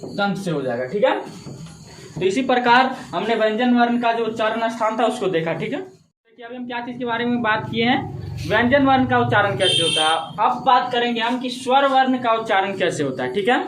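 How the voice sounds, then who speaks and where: A man's voice: very high-pitched, animated, a little fast, fairly bright tone. A male teacher walks through a grammar lesson, posing a question and then giving the answer himself, over and over. His voice bounces around an echoey room with faint background noise. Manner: asks questions and answers them himself, repetitive. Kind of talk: classroom-style Hindi grammar lesson.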